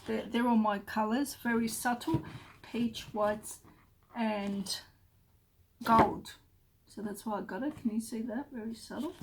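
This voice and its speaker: A woman talks slowly and casually through her craft pages, rambling and sometimes dropping to a murmur. Her voice sits a little high with a gravelly fry. Clear background noise and paper crinkling are heard under her. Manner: chatty, rambling, often trails into soft murmurs. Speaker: craft vlogger. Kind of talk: casual show-and-tell. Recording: noisy room with paper crinkling.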